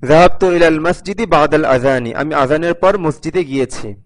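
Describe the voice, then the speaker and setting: A man's voice: a little high, normal speed. Patient man teaching a language lesson. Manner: reads each sentence, then translates it line by line; patient, repeats phrases for learners. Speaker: Arabic teacher. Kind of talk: recorded video lesson.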